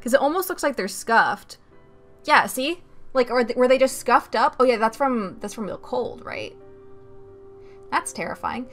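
A young woman hosting a reaction video, rambling excitedly, swearing freely and laughing as she comments. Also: fairly high pitch, moderate pace, faint music behind.

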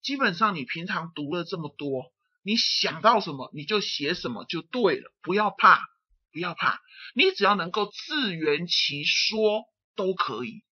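A woman giving an exam-prep lecture, animated and answering her own rhetorical questions. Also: fairly low pitch, moderate pace, breathy edge, no room sound. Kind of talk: recorded tutoring lecture. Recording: dull, muffled lecture audio.

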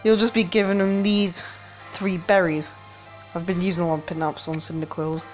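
A woman's voice: fairly low pitch, little pitch movement, normal speed, faint music behind. A woman hosting a game channel, giving casual gameplay commentary indoors at home, rambling with frequent hesitations and self-corrections. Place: indoors at home, street outside.

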